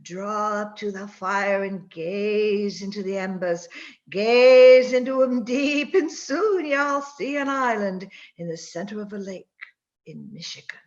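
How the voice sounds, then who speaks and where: A dull, lo-fi recording of an ancient witch played by a woman, telling bedtime horrors slowly. She cackles with sinister glee and draws out her folksy, old-fashioned words in radio-play style. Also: medium pitch, natural voice. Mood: sinister relish. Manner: folksy archaic dialect, cackling, drawn-out eerie delivery. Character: cackling 117-year-old witch storyteller, gleefully sinister. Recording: dull, lo-fi video-call audio.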